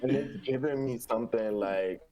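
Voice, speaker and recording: A man guesting on a casual livestream, talking in a laid-back, flat, mellow way. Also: medium pitch, moderate pace, dull audio, soft background music. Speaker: guest musician.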